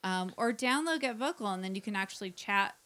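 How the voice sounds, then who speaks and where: A woman chats as a podcast co-host, bubbly and quick to giggle. Her voice sits in a middle pitch, and she keeps jumping in over her partner with little squeals and laughs. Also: animated, fairly bright tone. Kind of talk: casual chat.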